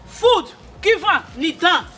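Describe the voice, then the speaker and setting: A woman's voice: extremely high pitch, expressive, slow pace, pushed and bright, heavily acted. An actress playing a stern traditional older woman with an Edo Nigerian accent, mixing pidgin and local words and repeating herself insistently. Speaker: elder advising a young wife. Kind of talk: Nollywood film acting.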